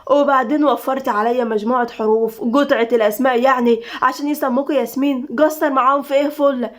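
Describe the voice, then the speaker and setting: A woman's voice: sits high, steady tone, fast talker, close to an everyday voice. A woman voicing a shy, polite young male guard with an Egyptian accent in an audio story. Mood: gentle. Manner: polite, nervous, warm.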